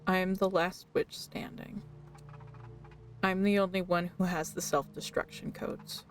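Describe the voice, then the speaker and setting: A woman's voice: lowish voice, steady tone, a little slow, distant mic, slight background noise, lightly acted. A woman reading the lines of a weary adult female witch engineer in a subdued, solemn way. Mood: grave.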